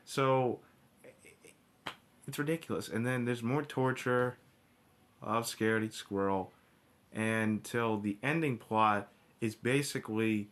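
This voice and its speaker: In a medium-pitched, slightly bright voice, a cartoon episode reviewer delivers an informal, opinionated rant. He's blunt and heavily profane, halting as he circles back and restarts phrases along the way.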